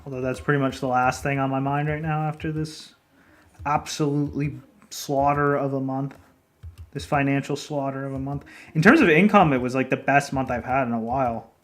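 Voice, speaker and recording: Speaking at moderate pace with a steady, medium-pitched voice, this foreigner in Japan streams as an indie game developer. His Japanese carries a non-native accent, and he rambles casually through viewers' chat, laughing often and dropping swear words.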